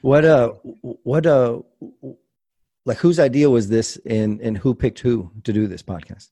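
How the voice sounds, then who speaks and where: A man's voice: medium pitch, unhurried, no echo, clean studio sound. A man guesting on a podcast, chatting casually and telling a story with lots of laughter. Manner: laughs often, animated storytelling. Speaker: podcast guest, host of another podcast. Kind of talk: casual chat.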